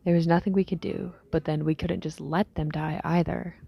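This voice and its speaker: Weary, low, creaky-voiced young woman survivor, acted. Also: little pitch movement, dull audio, exaggerated voice. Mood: bitter, worried. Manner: low-key, halting, musing aloud. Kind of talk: scripted audio diary monologue, fiction drama.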